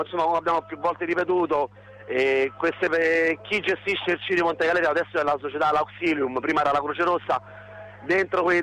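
A man's voice: on the high side, pushed and bright, poor audio. Male phone reporter outdoors, filler-heavy casual delivery, faint background noise. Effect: heard over the phone. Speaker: activist calling in from a protest. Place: outdoors at a protest.

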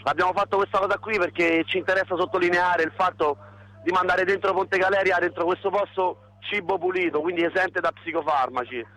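Man on the phone, casual report with fillers, high bright voice, faint noise. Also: fairly even intonation, fairly quick, low-quality recording. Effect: heard over the phone. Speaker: activist calling in from a protest. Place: outdoors at a protest.

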